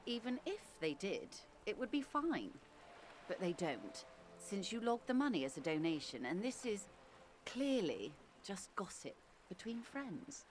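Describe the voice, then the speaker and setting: A woman voicing a poised, worldly negotiator who speaks smoothly and articulately with gentle irony. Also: mid-range voice, very animated, a little slow, slight background noise. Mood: sly.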